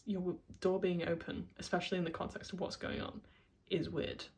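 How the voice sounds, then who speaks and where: A woman's voice: on the low side, little pitch movement, a little fast, vocal fry, darkish tone. A woman talking through a casual video essay, chatty, with many fillers and frequent laughs.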